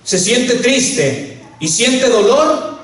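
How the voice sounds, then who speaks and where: A man's voice: extremely high pitch, sing-song, drawn-out words, a bit bright. A man preaching a sermon as a pastor, who keeps addressing the congregation as brother. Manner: preaching, keeps calling listeners "hermano". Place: church. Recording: echoey church hall, voice from far off.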